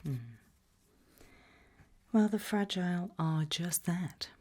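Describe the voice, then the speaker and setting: In an unhurried ASMR role-play, a woman plays a fear-test examiner, speaking directly to the listener in a very breathy, low-pitched whisper. She lingers over each phrase, her delivery measured and quietly ominous.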